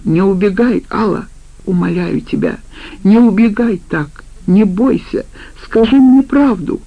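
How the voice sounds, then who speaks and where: Woman doing a violent male ex-con, harsh, blunt, gravelly, dull lo-fi audiobook sound. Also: lowish voice, expressive, normal speed, no room sound. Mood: pleading. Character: menacing male ex-convict, brutal and violent.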